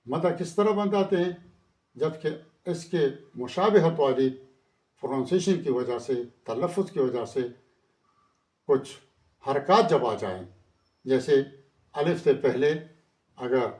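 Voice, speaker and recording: A man's voice: mid-range voice, expressive, a little mellow. A man teaching a pronunciation lesson. He says each letter over and over, writes on a board as he goes, and asks questions before he answers them. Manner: repeats each letter slowly, then explains; writes on a board while explaining. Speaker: Quran reading teacher. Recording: roomy echo.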